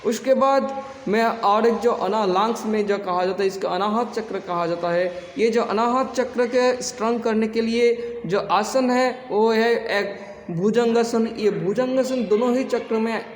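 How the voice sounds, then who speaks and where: A man teaching yoga in a casual, halting way, with many restarts and some throat clearing. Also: high-pitched, reverberant, in a large hall, slight background noise. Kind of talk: casual spoken instruction.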